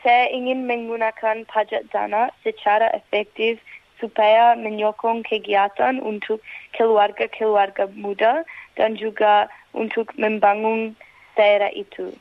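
A woman's voice: on the high side, little pitch movement, a little slow, dry recording. A young woman with an Australian accent, a native English speaker speaking Indonesian as a foreigner with careful phrasing in an interview. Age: young adult. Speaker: interviewee, local council candidate. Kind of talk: radio interview answers, somewhat prepared. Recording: tinny narrow phone line.

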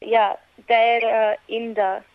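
A woman's voice: a little high, little pitch movement, drawn-out words, dry recording. A young woman with an Australian accent, a native English speaker speaking Indonesian as a foreigner with careful phrasing in an interview. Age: young adult. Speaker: interviewee, local council candidate. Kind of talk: radio interview answers, somewhat prepared. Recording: tinny narrow phone line.

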